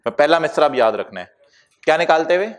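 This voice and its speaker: A man lecturing a tax class, with lively asides and English terms mixed into his explanations. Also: on the high side, fast.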